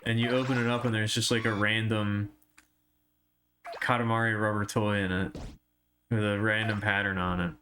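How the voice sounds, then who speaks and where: A man's voice: on the low side, little pitch movement, moderate pace, pauses often, pushed and bright. A young man chatting casually on a live stream as he plays, rambling through absurd jokes and tangents. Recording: noisy stream audio with clicks.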